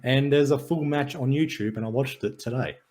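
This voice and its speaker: A man's voice: medium pitch, normal speed, a little mellow. A man, co-hosting a casual podcast, running through stats and match notes with a dry, jokey delivery. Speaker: podcast co-host. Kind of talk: casual sports and wrestling chat.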